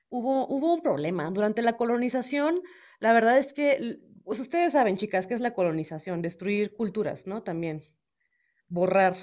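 A woman's voice: mid-range voice, darkish tone. A woman from northern Mexico with a northern Mexican accent, hosting a casual food podcast in a bubbly, chatty way with many fillers. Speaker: podcast host.

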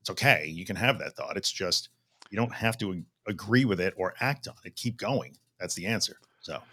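A man's voice: low-pitched, moderate pace, sharp tone, husky. A man co-hosting a podcast, speaking casually and encouragingly, often repeating short phrases for emphasis. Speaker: podcast co-host.

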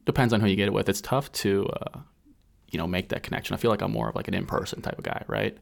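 A man's voice: fairly low pitch, fairly even intonation, quick pace, vocal fry. A young man guesting on a casual podcast, sarcastic and easygoing, joking around as he talks.

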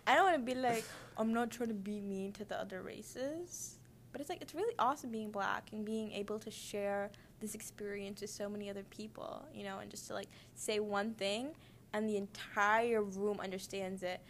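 A teenage girl chatting casually, playful and quick with jokes. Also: mid-range voice, slight background noise. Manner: playful, quick quips, giggly. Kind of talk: casual chat.

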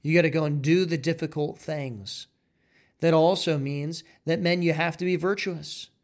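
A man preaching a fiery sermon, exhorting forcefully with repeated phrases and rising emphatic peaks. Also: a little high, steady tone, moderate pace.

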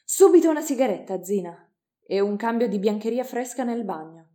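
Ferocious older professor-surgeon, male, snapping loud orders, read by a woman narrator in a storybook. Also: mid-range voice, moderate pace, natural voice. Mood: barking orders. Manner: roaring, hissing, commanding.

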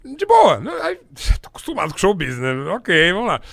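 Middle-aged Brazilian man, journalist, animated storyteller, high voice, dry close sound. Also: brisk, creaky, no room sound. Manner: animated, laughs often, acts out quoted voices. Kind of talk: anecdotal storytelling in a conversation.

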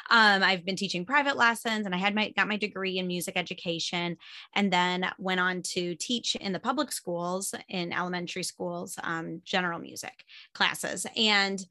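Bright chatty Midwestern woman. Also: fairly low pitch, steady tone, normal speed, dry recording, clean studio sound. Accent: Midwestern American. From Michigan and Chicago area. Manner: chatty, many fillers, laughs often. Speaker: podcast guest, homeschool mom and music teacher. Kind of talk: casual interview chat.

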